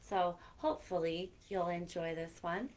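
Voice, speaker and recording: Reading to young listeners, a woman keeps a fairly low, darkish voice steady and unhurried, though the read-aloud stays animated and full of chatty asides to the kids. A little hiss or hum runs underneath.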